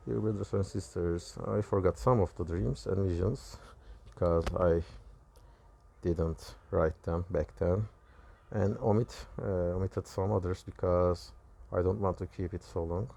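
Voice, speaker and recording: Speaking with a Turkish accent, a man from Turkey whose first language is Turkish recounts his visions as a personal testimony for his religious videos. His voice is low, gravelly and mellow, and his phrasing halts and self-corrects.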